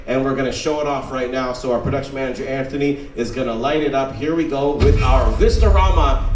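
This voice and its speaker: Upbeat male presenter in an echoey venue. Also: a little high. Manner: upbeat, enthusiastic showman. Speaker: cruise director presenting a venue. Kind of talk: live stage presentation to an audience. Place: large indoor ship theater venue. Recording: roomy, distant venue sound with faint noise.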